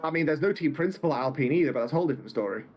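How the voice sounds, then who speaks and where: A twenty-year-old man gives live race commentary on a sim racing league, his voice sitting a little high for a man. He swings between calling the positions and dry, joking banter with his partner. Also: expressive, rapid-fire, darkish tone, slight background noise.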